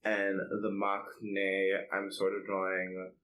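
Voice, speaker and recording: A man's low, monotone voice comes through poor audio as he slowly co-hosts a K-pop podcast. His tone is fairly bright, and his casual, opinionated chat is full of "like."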